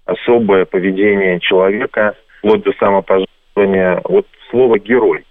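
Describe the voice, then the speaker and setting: A man's voice: fairly low pitch, steady tone, no echo. Man on a tinny line. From Belarus. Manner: explanatory, spells out sounds slowly for examples. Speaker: radio guest. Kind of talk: radio conversation.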